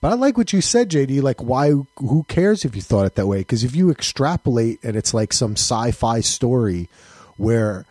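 Animated husky-voiced man on a podcast. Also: medium pitch, normal speed, dry recording. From United States. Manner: animated, swearing, laughing, restarts. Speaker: podcast co-host. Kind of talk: casual podcast chat.

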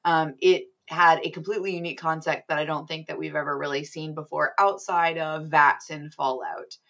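A woman's voice: sits low, a bit bright, muffled recording. A woman hosting a casual gaming podcast, chatty and upbeat with frequent ums. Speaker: podcast host.

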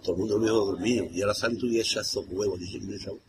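Rambling older man, brisk. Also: on the low side, steady tone. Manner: rambling, colloquial, keeps saying "tío". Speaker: carnival troupe singer. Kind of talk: interview. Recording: noisy ambient background.

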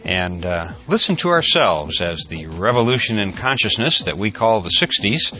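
An older American man giving a conversational, reflective introduction in a measured storytelling way, like a podcast host. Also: lowish voice, big pitch swings, pushed and bright, highs cut off, soft background music. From United States.

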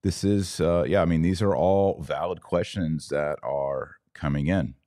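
Hosting a casual live podcast, a man with an exceptionally deep, mellow voice reads viewer comments and answers them with his own commentary at a measured pace. He speaks conversationally. The recording is dry, with little room around his voice.

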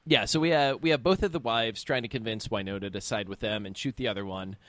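A woman's voice: extremely low pitch, quick pace, no room sound. A woman co-hosting a casual TV recap, talking in a wry, exaggerating, jokey way. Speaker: podcast co-host. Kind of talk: casual chat recapping a TV episode.

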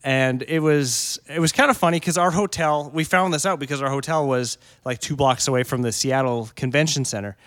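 A man co-hosting a casual podcast chat, telling anecdotes in an animated way and acting out the key moments. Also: mid-range voice, brisk, few pauses, no echo. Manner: animated storyteller, acts out the moments. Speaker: podcast co-host.

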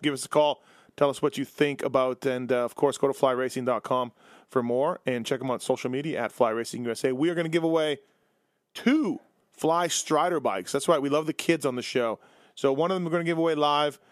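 A man hosting a sports call-in radio show, his voice sitting a little high for a man. He keeps the banter loose, sarcastic and joking. The sound is dry and close to the mic. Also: no echo. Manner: jokey, sarcastic, fast-moving banter. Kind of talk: casual sports radio talk.

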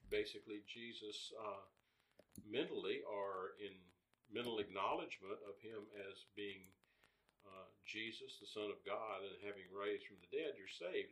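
A man co-hosting a radio talk show on scripture, explaining his points in a measured way. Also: on the low side, a bit bright, poor audio.

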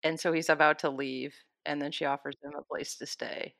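Low-pitched woman, casual recap co-host, enthusiastic and guiding the talk, dry sound. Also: flat delivery, fairly quick, creaky, fairly bright tone, dry recording. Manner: enthusiastic, steers the discussion.

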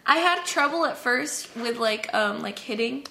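A woman's voice: fairly high pitch, expressive, measured pace, vocal fry, sharp tone, a little hiss or hum. A woman guest on a casual talk show, chatty and giggly, often filling with "like". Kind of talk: casual chat.

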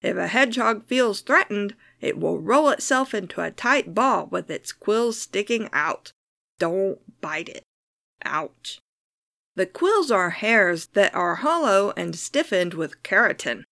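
Lively woman narrating nature facts, dry close sound. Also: medium pitch, measured pace, creaky, hardly any pauses, no echo. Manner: playful, dry humour. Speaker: podcast host. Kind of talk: scripted nature documentary style narration with casual asides.

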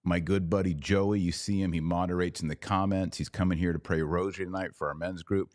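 This solo podcast host from Texas has a deep, fairly evenly intoned voice and talks fairly quickly, recorded cleanly in a studio with no echo. His opinionated commentary is sardonic and emphatic, with frequent changes of pace.

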